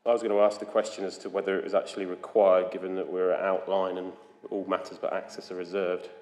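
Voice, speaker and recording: A man chairing a formal planning inquiry, speaking in a measured, methodical way with hesitant fillers. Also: deep voice, level tone, a little mellow. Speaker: planning inspector. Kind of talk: formal public inquiry discussion. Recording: echoey hall, some background noise.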